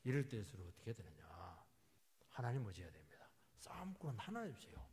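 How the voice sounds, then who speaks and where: A male pastor delivers a sermon with a raspy, somewhat high voice. His pitch leaps wildly from hushed asides to ringing emphatic bursts. The long reverb of a church hall hangs on every phrase. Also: wildly swooping pitch, fast. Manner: vivid, dramatic storytelling with sudden emphatic outbursts.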